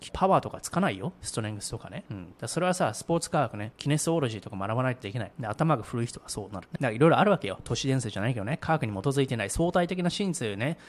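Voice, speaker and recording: Blunt guy ranting casually, talks super fast, mid pitch, kinda slangy. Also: lively intonation. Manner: blunt and slangy, repeating "equals" chains. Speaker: commentator. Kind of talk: casual monologue on culture and values.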